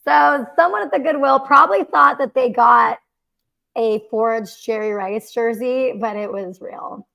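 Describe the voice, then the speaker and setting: A woman's voice: a little high, unhurried, gravelly, bright, forceful tone. A young woman hosting a casual livestream chat, rambling and giggly with lots of fillers. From Mexico City, raised in the Bay Area. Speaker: podcast host.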